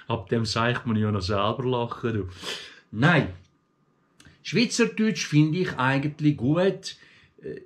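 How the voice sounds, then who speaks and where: A middle-aged man with a Swiss German accent from Aargau, chatting casually to his followers and telling stories with many fillers and restarts. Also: medium pitch. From Switzerland, grew up in Aargau. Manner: chatty, storytelling, many fillers and restarts, mimics other dialects. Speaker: vlogger. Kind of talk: casual rambling monologue.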